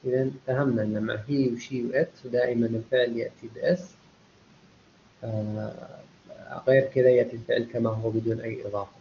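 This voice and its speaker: A man's voice: mid-range voice, level tone, a little fast, slight background noise. A man teaching a university English class in a live online lecture. He explains step by step, checks often whether the students follow, and mixes Arabic explanation with English examples. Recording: dull lo-fi online lecture audio.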